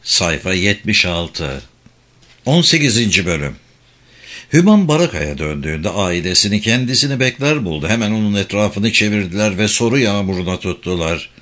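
A man reading a novel aloud as an audiobook, slow and measured. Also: lowish voice, fairly bright tone. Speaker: audiobook reader. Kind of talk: audiobook narration.

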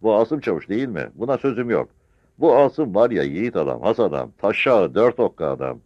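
A very old, stooped war veteran scolds and boasts defiantly in a raised, booming voice, performed by a male narrator. His pitch swings widely, and the dull, lo-fi sound is dry and close. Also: big pitch swings, fairly quick, no echo.

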